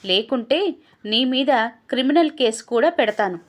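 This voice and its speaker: A woman's voice: high-pitched, animated, normal speed, voice pushed up. A woman voicing a stern male tax officer who speaks in an angry, threatening way.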